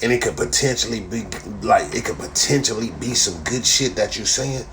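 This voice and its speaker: A man's voice: on the low side, expressive, moderate pace, fairly bright tone, slight background noise. A man hosting a live stream, ranting casually to viewers with heavy swearing and a slang tag repeated at the end of his lines. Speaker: live-stream host reading chat comments. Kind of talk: casual profane rant to viewers.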